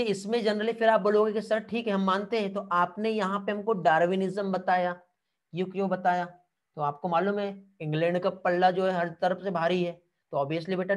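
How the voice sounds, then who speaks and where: Man teaching an online biology class. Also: high-pitched. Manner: calls students 'beta', keeps asking 'theek hai'; checks understanding and answers students' comments. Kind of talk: online exam-prep lecture.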